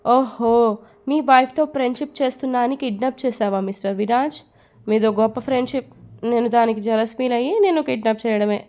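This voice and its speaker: A woman's voice: a little high, a little fast, darkish tone, close to an everyday voice. A woman reading the part of a mocking, stern male police officer in an audio story. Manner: taunting, scoffing interrogation.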